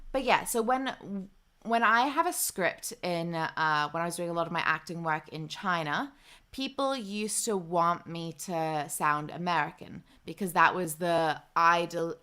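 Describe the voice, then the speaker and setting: A young woman hosts a casual livestream, chatting loosely with viewers and reading out their comments. Her voice is bright and crisp, on the low side, and she fills pauses with easy ums.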